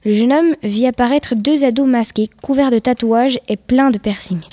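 Woman reading a spooky story out loud, mellow voice, dry close sound, slips into whispers. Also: on the high side, moderate pace, dry recording. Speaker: story reader.

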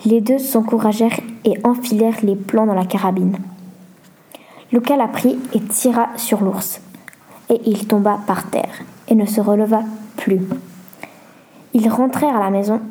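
A woman's voice: medium pitch, fairly even intonation, normal speed, long pauses, warm tone. A woman reading a story aloud in a plain manner, now and then stumbling over a word.

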